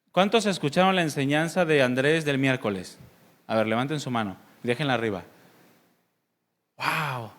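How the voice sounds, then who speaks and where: Mexican pastor preaching, fairly high voice. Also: male voice. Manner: conversational preaching with questions to the congregation; mimics voices playfully. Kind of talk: sermon.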